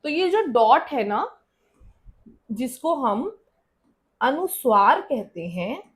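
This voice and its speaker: Woman teacher, high voice, slow careful pace, asks and answers her own questions. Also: sing-song. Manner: asks students questions and answers them herself. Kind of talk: explaining a school lesson.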